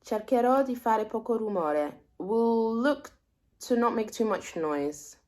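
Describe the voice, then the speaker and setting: A woman's voice: fairly high pitch, expressive, a little slow, a little mellow, pitched above the performer's own voice. A woman voicing a chatty male office worker in a lightly raised voice while reading a story aloud. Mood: breezy.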